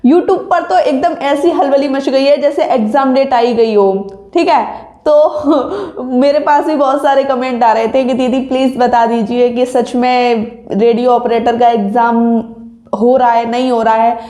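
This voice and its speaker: In an untreated room with noticeable echo, a young exam-preparation coach talks viewers through advice in a teaching style, often checking their understanding with tag questions. She has a high, warm voice with fairly even intonation and a measured pace.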